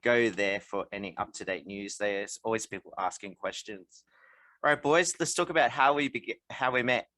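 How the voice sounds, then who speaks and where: A man's voice: fairly low pitch, moderate pace, bright, forceful tone, no room sound. A man with an Australian accent who hosts a casual podcast and leads the talk by putting questions to his co-hosts. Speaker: podcast host.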